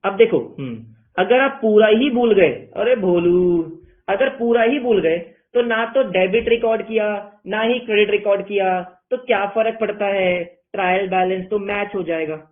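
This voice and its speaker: A man's voice: high voice, unhurried. A man teaching an accounting class online in a playful way, asking questions and answering them himself in his students' voices. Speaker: commerce teacher. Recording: tinny phone-like sound.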